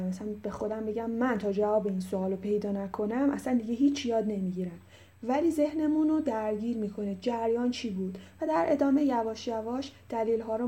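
A woman teaching English vocabulary, reading example sentences slowly and clearly before explaining them in a relaxed way. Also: on the high side. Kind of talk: language lesson in Persian.

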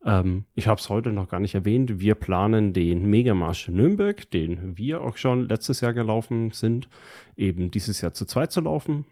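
A man's voice: lowish voice, animated, unhurried, warm tone. A man co-hosting a podcast, telling stories in casual, slangy German. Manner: colloquial, slangy. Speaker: podcast co-host. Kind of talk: casual chat, telling about his week.

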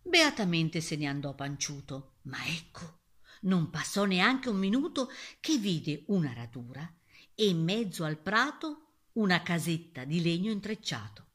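Bright voiced woman reading a fairy tale in rhyme, slow and playful. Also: fairly low pitch, big pitch swings. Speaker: storyteller.

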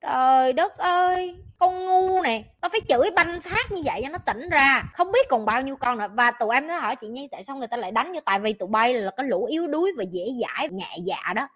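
Southern Vietnamese woman, rapid-fire delivery, blunt profane scolding, life coach podcast rant. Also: a little high, fairly bright tone. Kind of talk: ranting advice monologue.

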